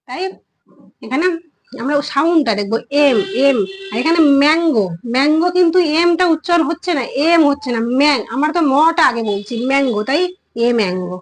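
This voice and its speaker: This high-pitched woman speaks fast and animatedly, though the audio quality is poor. Teaching kids English grammar, she stays patient and explanatory, repeating words and pronouncing each vowel.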